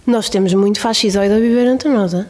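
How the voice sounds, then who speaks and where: A woman with a European Portuguese accent talks in a casual podcast conversation. She is reflective and emphatic, and she pauses and restarts as she works through her thoughts. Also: medium pitch, a little mellow.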